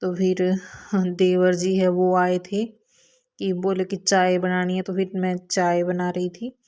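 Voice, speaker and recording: A woman and mother telling her daily routine in a calm, casual vlog narration, with many small filler words. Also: lowish voice, unhurried. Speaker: mother vlogger.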